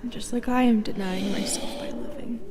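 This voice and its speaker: A woman playing a bitter, lonely immortal Medusa in an audio roleplay, halting and menacing, often dropping into a breathy whisper. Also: a little high, fairly even intonation, lightly acted. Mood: weary, anguished. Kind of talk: dramatic audio roleplay monologue. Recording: clearly noisy background ambience.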